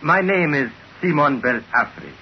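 A man's voice: a little high, a little slow. An actor playing a sly, obsequious male trinket dealer in a 1940s radio drama, speaking in broken, overly polite phrases. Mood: fawning. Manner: fawning, excitable, broken formal speech. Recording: dull old radio broadcast with faint hiss.

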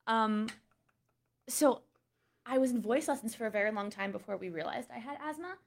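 A woman in her twenties, a podcast guest, chatting casually and telling animated, giggly stories. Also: on the high side, moderate pace, vocal fry. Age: 20s. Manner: animated storyteller, giggly, says "like" a lot. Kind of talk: casual chat.

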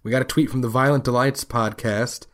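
A man's voice: medium pitch, fairly even intonation, a little fast. A man with a head cold hosting a podcast, chatting casually and reading out listener messages. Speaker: podcast host.

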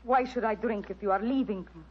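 A woman's voice: medium pitch, fast talker, breathy edge, close to an everyday voice. An actress playing a passionate, possessive young Kasbah woman as a melodramatic tragic heroine with in an old radio drama. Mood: wounded, possessive. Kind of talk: 1940s radio drama acting. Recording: dull old radio recording, music behind.

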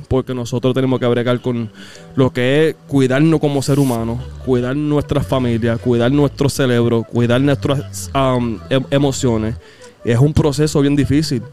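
Guest, thirties; earnest, halting, repeats words; light music bed. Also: male voice, medium pitch, darkish tone. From United States. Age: 30s. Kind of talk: casual interview chat.

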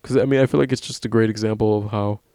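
On a casual podcast chat, a young male co-host rambles, swears often and laughs a lot. His voice is fairly low and mellow, steady in tone and fast. The clean studio recording is dry.

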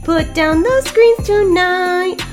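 A chirpy cartoon helper. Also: female voice, very high voice, takes it slowly, music in the background. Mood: cheerful.

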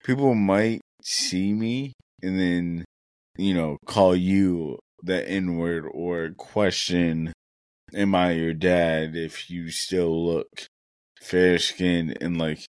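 A man's voice: low voice, fairly even intonation, extremely slow, a little mellow, dry recording. A young man co-hosting a casual podcast, talking in an earnest, reflective way and thinking aloud with many fillers. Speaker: podcast co-host.

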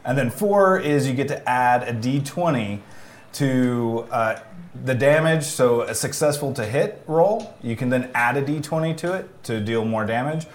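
A man's voice: medium pitch, animated, measured pace. A man casually explaining tabletop game rules in a conversational, instructive way. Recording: roomy echo, faint noise.

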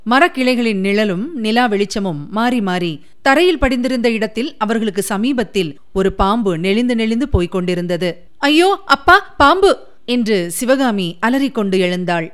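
A woman narrating a classic novel as an audiobook, in a measured, expressive storytelling manner. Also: medium pitch, smooth. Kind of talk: scripted narration.

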